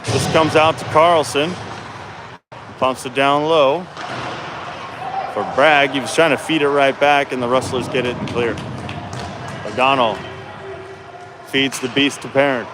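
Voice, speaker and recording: A man's voice: mid-range voice, steady tone, a little slow, pauses often. A man doing casual, colloquial live play-by-play hockey commentary, his voice echoing in a noisy indoor rink. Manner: informal, colloquial, chatty with exclamations. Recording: echoey noisy rink, ambient clatter. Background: clear rink noise and ambience.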